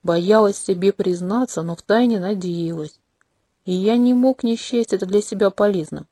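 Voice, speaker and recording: A woman voicing a smooth, manipulative inhuman prince. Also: mid-range voice, normal speed, mellow, no echo, studio quality, lightly acted. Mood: gently mocking. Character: charming, manipulative male non-human empath prince. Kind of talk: audiobook character reading. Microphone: close home mic.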